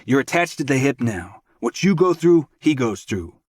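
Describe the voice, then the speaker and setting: Brief: narrator playing a furious big brother, forceful and cursing, dry close read. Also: male voice, medium pitch, very animated, normal speed, slightly rough, no room sound, voice pushed up. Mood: angry. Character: hot-tempered protective older brother, man. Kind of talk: audiobook character voice.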